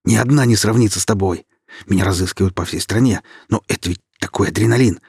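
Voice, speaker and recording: A man voicing a young male killer sinking in quicksand, shouting and begging in a husky voice. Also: high-pitched, sing-song, no room sound, studio quality, voice pushed up, exaggerated voice. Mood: manic. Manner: shouting, begging, then whimpering like a child. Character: young man, trapped killer, panicking and vicious.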